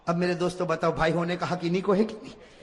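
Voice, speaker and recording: A man preaching a religious sermon, emphatic, dropping to low asides and rising to shouts, calling on the audience to repeat after him. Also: little pitch movement, a loud crowd, very noisy. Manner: addresses audience directly, asks them to repeat. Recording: reverberant hall.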